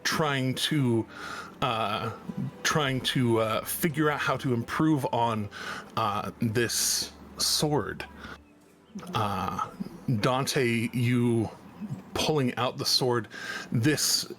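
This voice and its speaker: A man narrating as game master, halting often with many fillers and restarts. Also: mid-range voice, fairly bright tone, a little hiss or hum.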